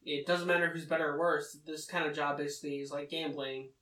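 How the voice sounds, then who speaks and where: A man casually summarizing a manga story, talking haltingly with many fillers. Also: on the high side, steady tone, pushed and bright. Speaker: manga recap commentator. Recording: roomy, distant mic.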